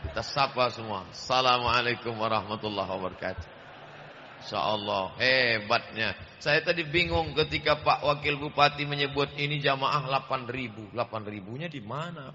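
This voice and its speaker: A man preaching a lively, joking sermon in a mosque, speaking loudly and booming into a microphone. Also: moderate pace, long reverb tail, lo-fi sound, a little hiss or hum. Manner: loud, booming delivery. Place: large mosque with overflow crowd outside.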